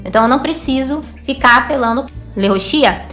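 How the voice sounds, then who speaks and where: A woman with a Brazilian Portuguese accent and a slightly high voice teaches a recorded lesson. She checks in with listeners and repeats words slowly and clearly, with faint music under her voice. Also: a bit bright. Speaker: Hebrew teacher. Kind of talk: online language lesson.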